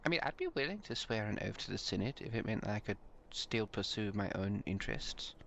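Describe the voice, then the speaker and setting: A man's voice: on the low side, expressive, a little fast, gravelly, a bit bright, dull audio, a little hiss or hum. A man chatting casually in character in an online role-play, earnest and a little hesitant.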